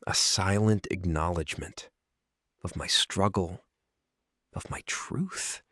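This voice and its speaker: A man voicing a centuries-old, proud, brooding vampire lord confessing love in a whispered role-play, husky and breathy, with halting, intense delivery and dramatic pauses. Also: low voice, a bit bright, no room sound, clean studio sound, exaggerated voice. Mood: vulnerable, intimate.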